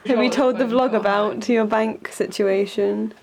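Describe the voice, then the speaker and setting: Playful, tipsy young woman, unhurried. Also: mid-range voice, fairly even intonation, creaky, music in the background, rough recording. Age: young adult. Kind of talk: casual chat with friends. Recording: busy background chatter.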